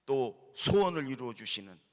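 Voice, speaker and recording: A middle-aged male pastor telling a story in a revival sermon, with animated, emphatic rises. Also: medium pitch, moderate pace. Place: church sanctuary. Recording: reverberant church sanctuary.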